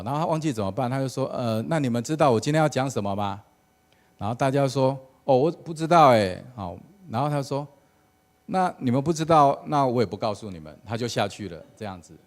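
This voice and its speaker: A man's voice: on the low side, darkish tone. A man, a church elder giving a casual sermon with an anecdote at a prayer meeting. He talks conversationally and often starts phrases with "好" and "哦".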